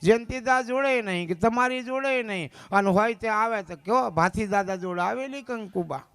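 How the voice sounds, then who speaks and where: A man, a bhajan singer and preacher giving a folksy sermon at a village gathering, telling stories and breaking into drawn-out sung verses. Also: high-pitched, fairly bright tone, smooth, no room sound.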